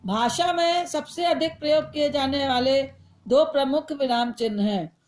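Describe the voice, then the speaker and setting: A woman teacher giving a patient grammar lesson to young children, explaining each point slowly through example sentences. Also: high voice, darkish tone.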